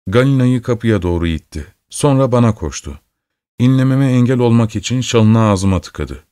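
A man reading a literary story aloud in steady, measured scripted narration. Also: medium pitch, clean tone, no echo, clean studio sound. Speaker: audiobook reader.

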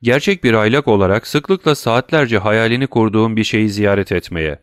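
A gracious, worldly count, read by a man in an audiobook, speaking in long, elaborate, courtly sentences. The voice is lowish and recorded dry and close. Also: moderate pace, clean tone, no room sound, natural voice.

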